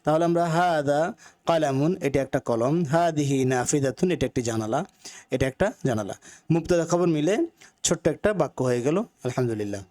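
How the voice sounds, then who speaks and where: Talking a little fast in a fairly high, darkish voice, a Bangladeshi man leads a recorded Arabic grammar lesson. He enunciates words with care and repeats them along with their meanings for learners to follow.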